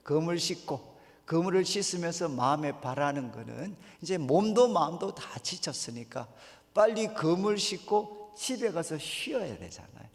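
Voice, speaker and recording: A man's voice: fairly high pitch, animated, moderate pace, in a large hall. A man preaching at a revival meeting, putting questions to the congregation as he goes. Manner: addresses the congregation with rhetorical questions. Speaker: pastor. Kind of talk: revival sermon. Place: church sanctuary.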